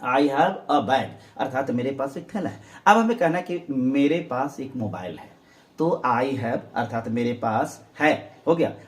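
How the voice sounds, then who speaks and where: A man's voice: medium pitch, animated, measured pace. A man from India teaching spoken English in Hindi, earnestly urging viewers and drilling phrases by repetition.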